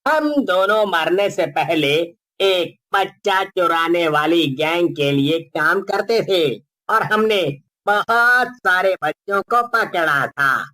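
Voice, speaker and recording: A man's voice: high voice, animated, slow, pushed and bright, full character voice. A man voicing a menacing male ghost who steals children, gloating and threatening in a cartoon story. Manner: gloating, threatening, mocking laughter. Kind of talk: cartoon voice acting.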